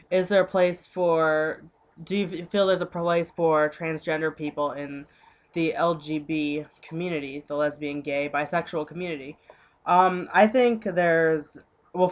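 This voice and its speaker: A young man records a casual vlog into his webcam at home, his voice congested and stuffy from a cold. He speaks earnestly and personally, stopping and restarting often with lots of "like" and "um" as he gathers his thoughts. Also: fairly high pitch. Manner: hesitant, halting, full of "like" and "um".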